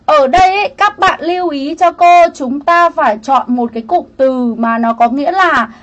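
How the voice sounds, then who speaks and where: A woman's voice: high-pitched, normal speed, a bit bright, highs cut off. A woman teaching an English grammar lesson on a livestream, chatty, greeting viewers by name and explaining each answer option.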